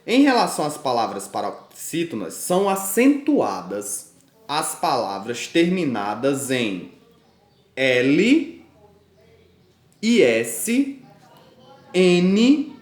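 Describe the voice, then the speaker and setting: A man with a Brazilian accent teaches grammar to young pupils, his voice slightly high and swinging widely in pitch. He is patient and leans hard on stressed syllables as he works through examples. The sound carries a noticeable room echo. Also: very animated, takes it slowly, long pauses. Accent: Brazilian Portuguese. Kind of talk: grammar lesson for children.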